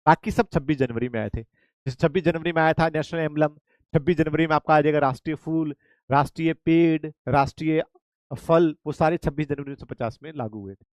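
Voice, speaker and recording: A man's voice: fairly high pitch, a little fast, no echo. A man teaching a live online class, drilling facts by asking students questions again and again and slipping English terms into Hindi. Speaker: online exam-prep teacher.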